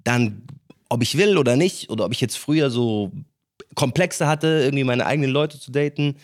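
A young adult man hosting a podcast, talking in a lively, slangy casual chat. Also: mid-range voice, moderate pace. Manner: lively, laughs often, slangy. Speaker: podcast host.

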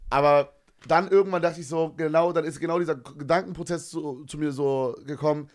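A young man in casual podcast chat, telling an animated, slangy story and acting out the scene. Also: on the high side, a little fast.

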